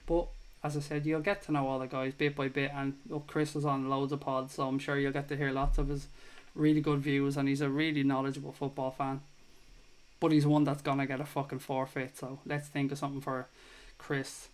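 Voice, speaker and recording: With a medium-pitched, smooth voice, this man from Ireland talks briskly in a level tone. He's in his thirties and hosts a chatty live football stream, reading viewer comments, cursing now and then, and offering warm thanks to his audience.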